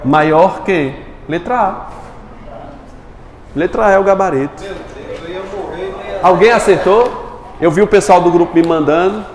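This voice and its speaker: A man's voice: high voice, unhurried, pauses often, a little mellow. A man teaching a live grammar class, quizzing his students and answering his own questions. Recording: echoey room with long reverb.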